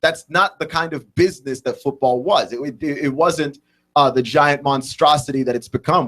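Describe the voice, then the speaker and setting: A man's voice: a little high, fairly bright tone. Man, 20s, sports radio host; loose, rambling monologue, lots of restarts. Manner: rambling, thinks aloud with many restarts and "like, right?" tags.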